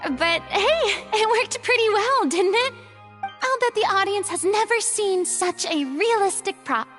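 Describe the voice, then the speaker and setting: A proud young stage star with a high, theatrical voice who turns flustered and indignant. Soft music plays under her in the game cutscene. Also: animated, unhurried, heavily acted. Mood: bright. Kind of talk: video game voice acting.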